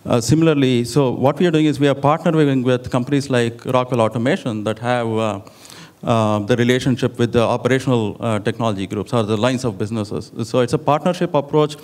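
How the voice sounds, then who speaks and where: Measured man on a conference panel. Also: mid-range voice, a little mellow. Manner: measured, explanatory, hedges with "you know". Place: large conference hall stage. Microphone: handheld microphone.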